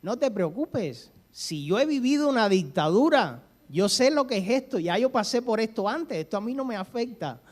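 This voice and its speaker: Unflappable middle-aged man, loud and emphatic, higher and louder than the speaker's own voice, a man acting him out. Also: animated, moderate pace, few pauses. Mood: defiant reassurance. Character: unbothered middle-aged man recalling dictatorship.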